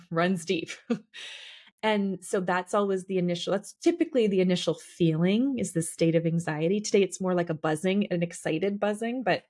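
A woman co-hosting a podcast and working as a coach, talking in a reflective, halting way with many fillers. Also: lowish voice, a little mellow. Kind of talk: casual podcast conversation.

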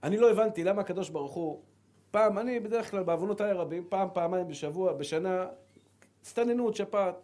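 Animated rabbi preaching, mellow voice. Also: male voice, high-pitched. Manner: animated storytelling, acts out dialogue and repeats words. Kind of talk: sermon.

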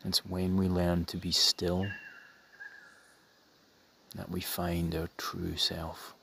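Deep male voice, gravelly creak, soft half-whispered guided meditation, unhurried pauses, faint background noise. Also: monotone. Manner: measured phrases with long pauses.

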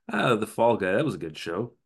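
Co-hosting a podcast, a man sarcastically recaps an old TV episode in casual conversation, tossing in quoted asides as he goes through the scenes. His voice is fairly low, gravelly and slightly rough.

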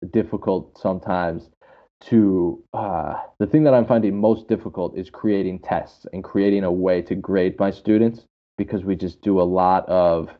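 A deep-voiced man with a steady tone talks at a moderate pace, casual and enthusiastic, like an English teacher who explains through anecdotes and repeats phrases for emphasis. The recording is dull, muffled and lo-fi.

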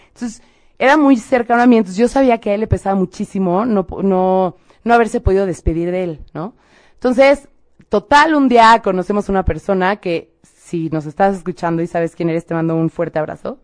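Young woman, Mexican accent, podcast host, casual slangy storytelling, animated. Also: mid-range voice. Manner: animated, slangy, acts out quoted dialogue. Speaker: podcast host giving spiritual messages.

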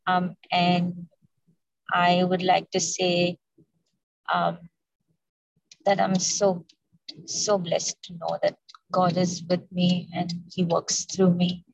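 A woman's voice: on the low side, monotone, slow pace, creaky, long pauses, no echo. A woman giving an informal, thankful testimony of faith to a prayer group over an online call. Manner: devout, thankful. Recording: dull, muffled call audio.

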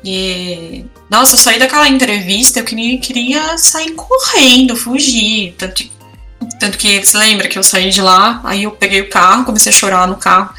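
A woman's voice: mid-range voice, moderate pace, sharp tone, far from the mic, soft background music. A woman, co-hosting a podcast, telling personal stories in casual chat with lots of feeling. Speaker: podcast co-host.

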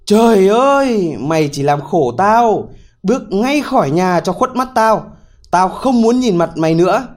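A man's voice: fairly high pitch, lively intonation, normal speed, lightly acted. A male storyteller voicing an exasperated old father who scolds his son. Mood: scolding. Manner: scolding, shouting.

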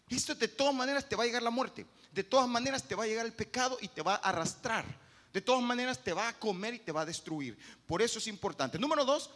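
A man's voice: extremely high pitch, fairly bright tone, long reverb tail. A male pastor, preaching emphatically and repeating key phrases. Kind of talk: sermon.

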